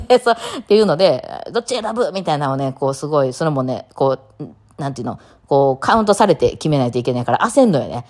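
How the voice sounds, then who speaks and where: Fast, lively Kansai woman chatting. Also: a bass voice. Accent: Kansai Japanese. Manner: chatty, rambling, laughs often, many fillers. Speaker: podcast host. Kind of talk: casual solo talk.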